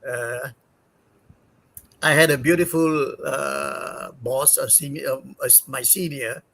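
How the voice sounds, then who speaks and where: An older man from Singapore, a guest in an interview, telling his career story in a halting way with many fillers and self-corrections. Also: medium pitch, steady tone, creaky, fairly bright tone, poor audio.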